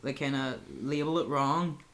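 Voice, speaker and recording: A man's voice: medium pitch, fairly even intonation, moderate pace, fairly bright tone. A young man, co-hosting a casual chat and rambling with lots of filler words. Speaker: podcast co-host.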